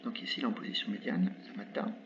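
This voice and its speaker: A man explaining Arabic letters in French, patiently repeating example words slowly with small hesitations. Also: fairly low pitch, a bit bright. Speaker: Arabic teacher. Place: indoors with birds audible outside. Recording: slightly dull recording with faint background noise.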